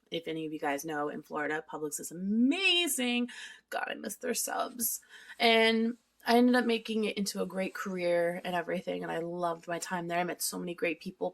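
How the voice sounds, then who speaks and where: A woman's voice: fairly low pitch, gravelly, a bit bright. A thirty-year-old woman vlogging in a chatty, candid way, swearing freely and eating while she talks at home. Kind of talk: casual confessional vlog.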